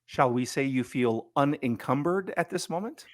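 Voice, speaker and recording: A man's voice: medium pitch, expressive, normal speed, dry recording, studio quality. A man hosting a business interview podcast, chatty and joking, with frequent fillers and restarts. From Ottawa. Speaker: podcast host.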